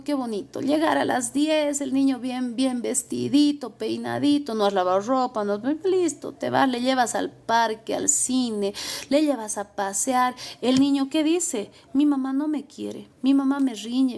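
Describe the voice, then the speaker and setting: A woman's voice: on the high side, vocal fry, darkish tone. A young adult woman lawyer, giving emphatic, repetitive advice. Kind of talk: advice talk.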